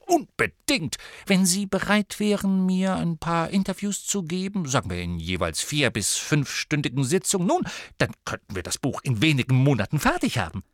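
A man's voice: mid-range voice, wildly swooping pitch, moderate pace, hardly any pauses, no echo, clean studio sound. A man voicing a pushy, fawning middle-aged male author with an eager, salesmanlike manner.

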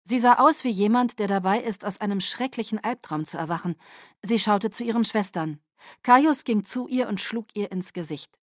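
A woman narrating a novel in first person, measured and dramatic, close to the mic. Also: medium pitch, no room sound. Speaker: audiobook narrator.

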